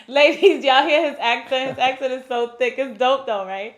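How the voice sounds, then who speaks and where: Chatty woman hosting an interview, slightly high voice. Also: a little slow. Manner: lively and chatty, laughs readily. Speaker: show host. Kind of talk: casual interview chat.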